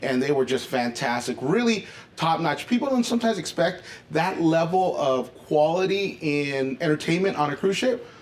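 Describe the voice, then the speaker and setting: A man's voice: a little high, animated, normal speed, hardly any pauses. A man doing a casual interview in an enthusiastic, upbeat way. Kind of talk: casual vlog-style interview. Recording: noisy with ambient background sound.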